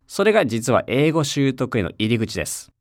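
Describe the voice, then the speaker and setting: A man narrating a scripted language lesson for an audio CD, with an ordinary mid-range pitch. He speaks with a friendly teacher's patience, encouraging listeners to repeat after him. The sound is close and dry, with no room echo. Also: big pitch swings, moderate pace. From Japan. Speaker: English teacher.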